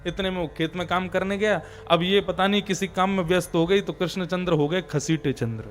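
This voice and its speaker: A male preacher delivers a devotional sermon, explaining each point with firm emphasis. His voice sits high for a man. Faint devotional music plays under his talk. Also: a little fast.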